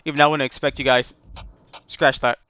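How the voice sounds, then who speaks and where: A man's voice: medium pitch, flat delivery, fairly quick, pushed and bright, smooth, no room sound, dull audio. A man in online voice chat, casually explaining things to players as a training leader in a military simulation game. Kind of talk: casual instructional gaming voice chat.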